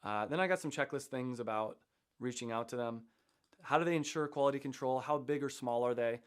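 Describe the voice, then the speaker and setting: A chatty man hosting a livestream in a loose, rambling way. His pitch sits in an ordinary middle range, and he switches between tips and reminders to the viewers. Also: a little fast, clean tone. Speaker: host. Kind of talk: casual livestream teaching.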